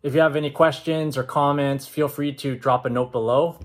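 A man, talking to camera in a measured, matter-of-fact way in a room at home. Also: fairly high pitch, fairly even intonation. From Canada. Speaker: vlogger. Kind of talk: vlog talk to camera. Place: indoors, open-plan home with kitchen and stairs.

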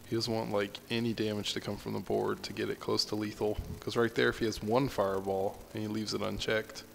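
Gravelly low-voiced male match caster. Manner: casual, musing, trails off and restarts mid-thought. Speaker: match commentator. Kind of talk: esports play-by-play commentary.

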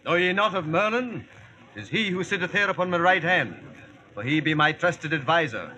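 A man's voice: fairly high pitch, animated, normal speed, sharp tone, rough recording. A man playing a regal, credulous medieval king with formal, declamatory archaic speech in a 1940s radio drama. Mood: stately. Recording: vintage radio recording with faint noise.

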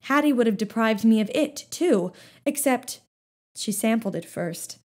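A woman narrating a children's novel in the first person with a steady, gently expressive reading. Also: fairly high pitch, measured pace. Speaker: audiobook narrator.

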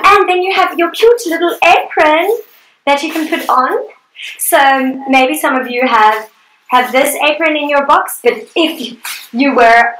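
Young woman art teacher, bright high voice, chatty and upbeat, echoey room. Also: slight background noise. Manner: chatty and upbeat, laughs often. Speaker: art instructor. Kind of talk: live guided painting class.

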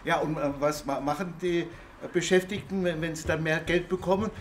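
A man from Baden-Württemberg speaking from the audience at a panel, halting and repeating words. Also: a little high, steady tone, slight background noise. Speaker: audience member. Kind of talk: public discussion contribution.

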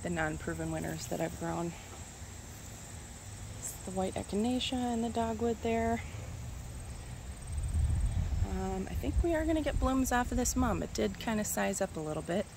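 A woman strolls through her garden with a handheld phone, chatting in a relaxed, musing way and pausing over plant names she half remembers. Her voice has a gravelly, fry-tinged edge, and loud insect and cricket noise surrounds her outdoors. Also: mid-range voice. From Minnesota. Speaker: gardener giving a garden tour. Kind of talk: casual walking garden tour. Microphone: phone camera held while walking.

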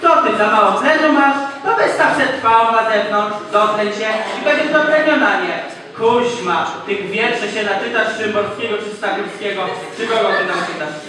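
A crude, grumpy country husband mocks his wife in rough slang, played by a teenage boy in a school cabaret sketch. His voice sits high for a man. It is caught from far off in a very echoey hall, with an audience loud behind it. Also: normal speed, hardly any pauses, a crowd in the background, close to an everyday voice. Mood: mocking. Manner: gruff, mocking, crude slang. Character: grumpy coarse rural husband Mietek. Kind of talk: stage comedy sketch. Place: school auditorium stage. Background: audience laughter.

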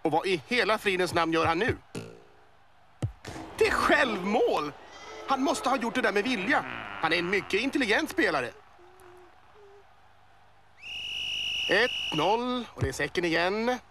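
A man voicing an excitable male boa snake who commentates a cartoon sports match, working up to yells at the goals. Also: high voice. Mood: amused. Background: music.

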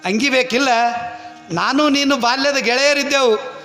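A man's voice: very high voice, unhurried, sharp tone, soft background music, voice pushed up, full character voice. A man voicing a kind, generous young boy with a North Karnataka Kannada accent, speaking earnestly and emphatically. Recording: long hall reverb.

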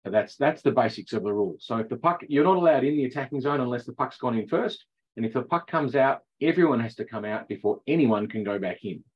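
A middle-aged ice hockey coach explains the rules in a chatty online session, laughing at his own jokes. He talks fast in a medium-pitched, husky, expressive voice. The video call audio is dull and lo-fi.

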